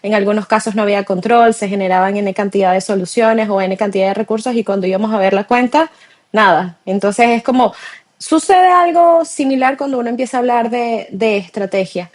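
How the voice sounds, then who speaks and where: A woman in her forties from Venezuela with a Venezuelan accent, answering interview questions in a measured way with frequent hesitations. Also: mid-range voice, a little mellow. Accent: Venezuelan Spanish. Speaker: guest, tech director.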